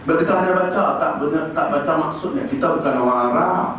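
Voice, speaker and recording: A man with a Malaysian Malay accent preaching a sermon, animated, swinging between high exclamations and low asides. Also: fast talker, a little hiss or hum. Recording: tinny, far-off, echoey hall recording.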